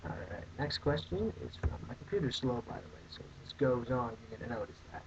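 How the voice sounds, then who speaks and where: A man's voice: mid-range voice, expressive, brisk. A young man hosting a casual comedic vlog, answering viewer questions in a rambling, mock-outraged way. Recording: dull lo-fi webcam audio, faint hiss.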